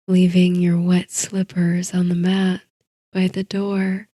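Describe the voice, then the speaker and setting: Very slow, hushed woman reading bedtime stories. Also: medium pitch, breathy edge, no echo. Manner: soft, hushed, soothing delivery with drawn-out pauses. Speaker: sleep story narrator. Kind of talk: scripted bedtime story narration.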